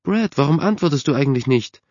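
A man's voice: mid-range voice, expressive, brisk, darkish tone, dry recording, pitched above the performer's own voice. A man voicing a weary, nagging mother who calls out and scolds in a raised voice, in a dull, dry recording. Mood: annoyed.

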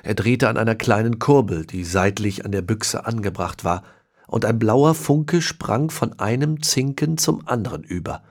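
A narrator reading a children's fantasy audiobook slowly and expressively. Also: mid-range voice. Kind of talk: scripted narration.

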